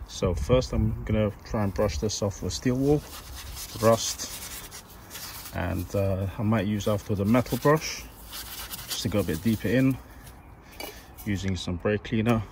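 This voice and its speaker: A man's voice: on the low side, measured pace, a little hiss or hum. A man casually talking viewers through repainting his car's brake calipers while he works. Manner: relaxed, chatty, talks while working. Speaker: car vlogger. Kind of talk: casual DIY vlog narration.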